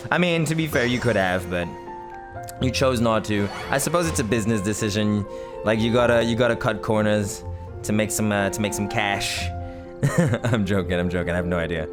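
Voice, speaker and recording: Chatty guy doing let's play commentary, lowish voice, loud game music under it. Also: a little fast. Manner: rambling, laughing, self-correcting. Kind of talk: casual gameplay commentary. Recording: game music playing behind.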